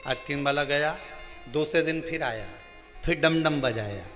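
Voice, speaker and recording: A man with a central Indian Hindi accent preaches, his voice high and bright. He tells a story and acts out its dialogue, dropping soft and then rising loud. Long reverb rings around him, with faint music underneath. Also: normal speed. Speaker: preacher telling a scripture story. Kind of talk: sermon.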